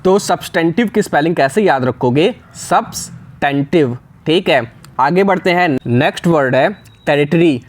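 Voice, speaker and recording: Slow letter-by-letter spelling teacher, man. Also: a little high. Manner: spells words out slowly, letter by letter, with frequent "theek hai". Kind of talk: exam spelling lesson.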